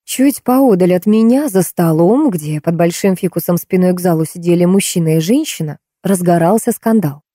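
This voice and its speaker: A woman narrating an audiobook in the first person, reading in an even, measured way. Her voice is mellow and dark, recorded close and dry, with no room sound. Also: fairly low pitch, no echo.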